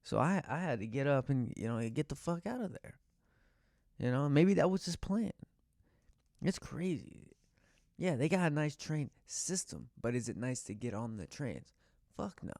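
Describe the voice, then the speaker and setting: A man's voice: mid-range voice, big pitch swings, moderate pace, gravelly, darkish tone, no room sound, clean studio sound. A man hosting a podcast, telling stories in a profane, rambling, exasperated casual rant. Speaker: podcast host.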